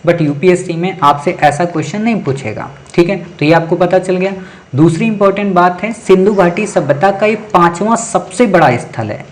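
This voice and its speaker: A man teaching an exam-prep lecture, talking straight to his students, repeating key points and checking often that they follow. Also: high voice. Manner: addresses students directly, keeps checking with "ठीक है" and "समझ गए".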